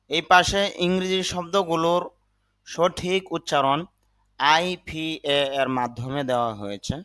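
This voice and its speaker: In a slow vocabulary lesson given in Bengali, a man teaches English words, deliberately spelling out and sounding each one. His voice is a little high, bright, and forceful.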